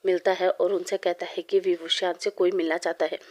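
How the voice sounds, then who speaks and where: A woman storyteller narrating fan fiction at a steady pace, in short phrases. Her voice is mellow and dark-toned. The pitch stays flat and level. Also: normal speed.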